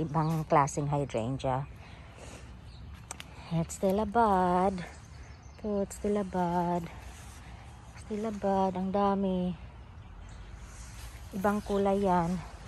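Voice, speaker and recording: This is a garden-tour vlog: a middle-aged woman with a Filipino accent strolls through her front garden outdoors, chatting casually into a handheld phone camera in both English and Tagalog. Her voice sits on the low side with a warm tone, and there's a little hiss or hum.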